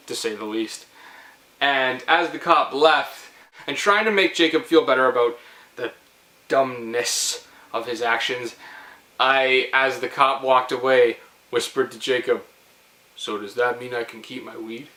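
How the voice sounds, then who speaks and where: Hosting his storytelling series, a young man from Canada tells viewers a funny story loosely and playfully, wandering off on tangents. He speaks a little slowly, in a medium-pitched voice that's pushed and bright, and the sound is roomy.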